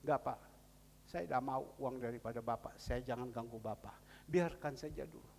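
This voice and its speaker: A male pastor preaching a sermon, retelling a story in quoted dialogue and switching between emphatic raised passages and low, murmured asides. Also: moderate pace, creaky, darkish tone, slight background noise. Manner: storytelling, quoting people in the story. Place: church hall. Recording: long church-hall reverb.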